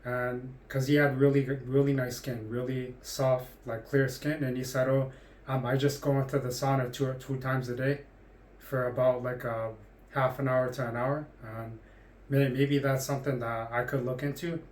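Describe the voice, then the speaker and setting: Rambling man in his forties, flat delivery. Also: medium pitch, moderate pace, reverberant. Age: 40s. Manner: rambling, hesitant with frequent restarts. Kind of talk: casual monologue.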